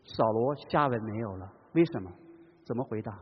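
Man preaching, dramatic, husky, lively pitch swings, dull recording with long hall reverb. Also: brisk. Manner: dramatic, swings between loud calls and hushed tones. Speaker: pastor. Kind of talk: sermon.

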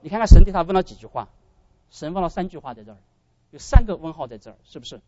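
A man preaching a sermon as pastor, animated and often addressing his brothers and sisters. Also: fairly high pitch, quick pace, no room sound, dull audio.

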